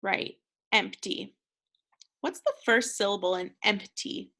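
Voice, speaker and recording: An American woman teaches a phonics lesson to second graders, speaking slowly and with a bright, crisp tone. She is patient and encouraging, leaving pauses for the children to answer. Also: mid-range voice, expressive.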